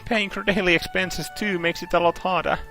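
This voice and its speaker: A man's voice: high-pitched, soft background music, voice pushed up. A man voicing a young woman university student, reading her lines eagerly from a visual novel. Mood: curious. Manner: eager, quick when excited.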